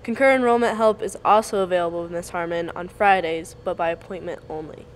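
A woman's voice: lowish voice, a little fast, a little hiss or hum. Giggly teen girl co-announcer. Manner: cheerful, giggly, steady reading. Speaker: student co-announcer. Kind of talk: school morning announcements.

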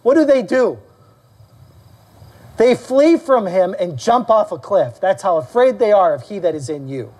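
A male pastor preaching to his congregation in a church service. He talks animatedly and leaps higher in pitch to act out quotes. He asks his listeners questions and calls out for amens. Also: lively intonation, unhurried, a little mellow. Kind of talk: sermon.

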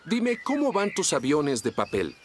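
A man voicing a kindly, steady fireman hero in a children's cartoon dub. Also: a little high, a little slow. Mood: friendly. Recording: loud music behind the voice.

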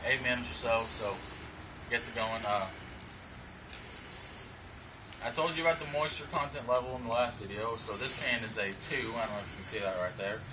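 A man's voice: mid-range voice, fast talker. Young guy w a lip full of dip doing a casual outdoor review, far from the mic, noisy background. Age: young adult. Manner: talking with lip full of dipping tobacco. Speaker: amateur product reviewer. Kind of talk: casual vlog review, unscripted. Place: outdoors on front steps of a brick house. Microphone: camera several feet away. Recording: distant camera mic, clear background noise.

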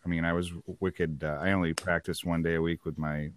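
A man's voice: low-pitched, flat delivery, brisk, slight background noise. A man chatting casually on a band podcast. He talks in a laid-back way and swears freely. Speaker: band guitarist, guest.

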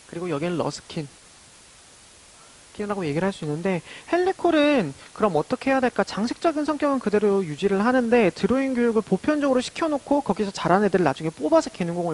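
A man's voice: high voice, low-quality recording. Korean man giving an exam-prep lecture. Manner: explanatory, asks and answers his own questions. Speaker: art education lecturer.

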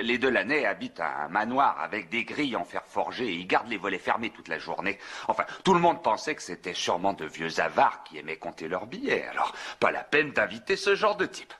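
A man's voice: fairly low pitch, sharp tone, breathy edge, heavily acted. An actor dubbing a talkative, nervous small-town soda fountain clerk who stumbles and restarts as he tells a story in a classic film. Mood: eager. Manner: rambling, eager, stumbling restarts. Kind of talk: dubbed film acting.

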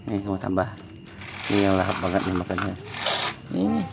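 A man with a gravelly, rough-edged voice talks softly to hungry stray cats, urging them again and again to come closer and eat. He speaks in short, repeated calls in a casual, coaxing way. The recording is noisy, with an outdoor market at night, meowing cats and passing vehicles behind him. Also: low-pitched, level tone, brisk. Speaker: vlogger feeding stray cats. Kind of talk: casual talk to animals.

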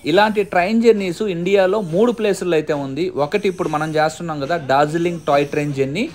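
Man from India, quick talker, high voice, casual travel vlog, points things out for viewers. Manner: chatty, guiding viewers with "look here". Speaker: travel vlogger. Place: outdoors on a toy train journey and at stations.

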